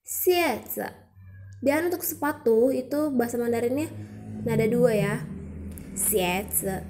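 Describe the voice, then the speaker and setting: A woman's voice: a little high, a little fast, mellow. A young woman presenting a student educational video, explaining patiently step by step and demonstrating sounds aloud.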